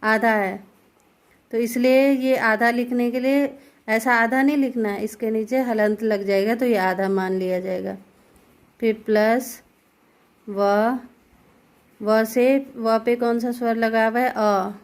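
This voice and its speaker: Slow, even-voiced woman teaching grammar. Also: a little high. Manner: slow, step-by-step explaining, asks and answers own questions. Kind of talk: Hindi grammar lesson.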